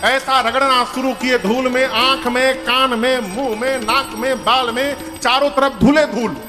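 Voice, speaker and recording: A man telling a devotional story as a sermon, lively and humorous, chanting verses now and then. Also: extremely high pitch, unhurried. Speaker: storyteller preacher. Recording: reverberant hall with faint music.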